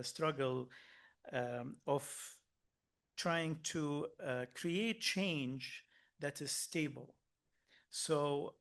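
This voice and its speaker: A man originally from Lebanon giving a workshop talk, earnest and hesitant, with frequent pauses and restarts. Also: medium pitch, gravelly, a bit bright. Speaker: workshop speaker.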